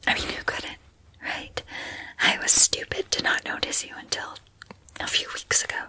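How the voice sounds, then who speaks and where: Woman as a whispering obsessive student, whispered role-play. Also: bright, forceful tone. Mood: quietly menacing. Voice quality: breathy whisper, mostly unvoiced. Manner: hesitant, halting, intimate confiding. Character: obsessive lovestruck female student turned captor, soft-spoken and unhinged.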